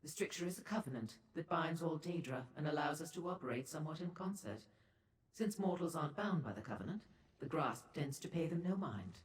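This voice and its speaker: Brisk and animated, this low female voice belongs to a seductive Daedra merchant who proprietors and brokers information in a video game. Wry and informative, she purrs languidly and coyly in ornate, formal language, with a worldly, condescending air and heavy hall-like reverb.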